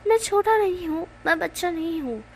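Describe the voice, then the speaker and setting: A woman's voice: very high voice, lively intonation, normal speed, a little hiss or hum, pitched above the performer's own voice. A woman reading a cheeky teenage boy. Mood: innocent. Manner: innocent, insistent. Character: fifteen-year-old boy, cheeky and stubborn.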